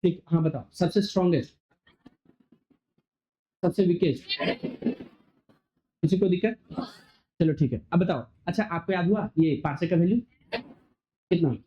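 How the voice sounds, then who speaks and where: A male physics teacher lecturing a classroom, firing quick questions and waiting for students to answer. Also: sits high, dark tone, a little hiss or hum. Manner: quizzing students, call-and-response. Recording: dull lo-fi recording.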